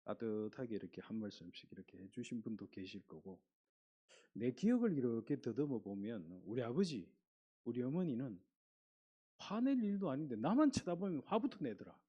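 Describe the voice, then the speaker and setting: A male pastor's sermon is animated as he reads scripture and asks the congregation questions. His mid-range voice is husky and moderately paced, and the audio sounds dull.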